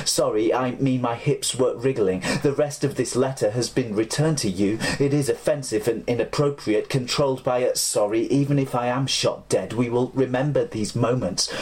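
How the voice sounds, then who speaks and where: A man's voice: mid-range voice, a little mellow. A man reciting fragmented, surreal spoken-word poetry in an incantatory way, breaking off to correct himself.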